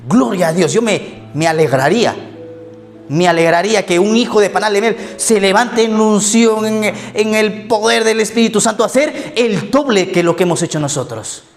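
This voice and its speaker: Male pastor, sermon with self-mocking stories, fairly high voice, faint music under. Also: normal speed, gravelly. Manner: storytelling with self-mocking anecdotes and laughter. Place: church service.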